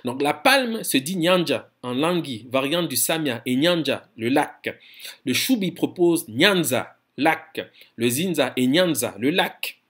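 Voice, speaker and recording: A man giving a scholarly lecture in a firm, insistent tone. He often repeats words while searching for phrasing and slows down to spell out foreign terms. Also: on the high side, animated, a bit bright, breathy edge.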